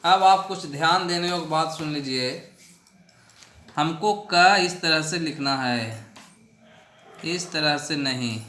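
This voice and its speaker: A man teaches a handwriting lesson, spacing out each instruction slowly and deliberately. His voice sits a little high and sounds bright. The recording carries a noticeable room echo. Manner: slow, deliberate instructional delivery.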